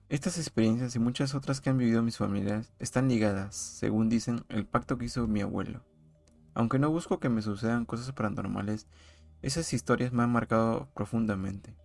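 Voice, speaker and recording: A man calmly narrating a true horror story in a measured, scripted way. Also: mid-range voice, vocal fry.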